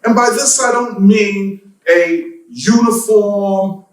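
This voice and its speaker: A high-pitched male guest speaker preaches slowly and deliberately in a church hall, posing rhetorical questions during his lecture. The recording is echoey and captured from a distance.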